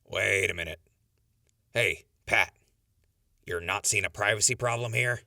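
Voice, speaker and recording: Fairly low, very bright male voice, actor as blunt, weary, decent prisoner, audio drama. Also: measured pace, creaky, no room sound, studio quality, exaggerated voice. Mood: concerned, blunt. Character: gruff, straight-talking male prisoner, weary but decent.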